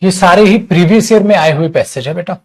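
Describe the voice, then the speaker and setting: A man's voice: sits high, a little fast, a little mellow. A man teaching an exam-prep lesson, casual and teacherly, mixing English terms into his explanations and calling his students beta.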